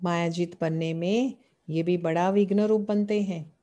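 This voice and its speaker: A woman's voice: on the low side, fairly even intonation, measured pace, dark tone. A woman giving a devotional sermon. She asks rhetorical questions, answers them herself, and repeats key phrases as she explains the teaching. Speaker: spiritual teacher.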